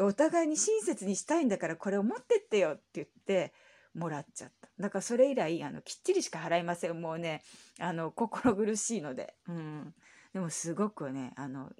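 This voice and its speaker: Brief: lower-voiced woman from Japan, casual solo podcast chat, animated storyteller. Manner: chatty storytelling with many fillers; acts out quoted voices in a raised pitch.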